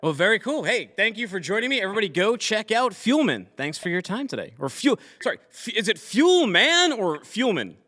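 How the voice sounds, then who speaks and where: A man's voice: high-pitched, very animated, quick pace, hardly any pauses, pushed and bright, big-room sound. A man hosting a casual trucking news show, chatty and joking with his guests. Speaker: show host.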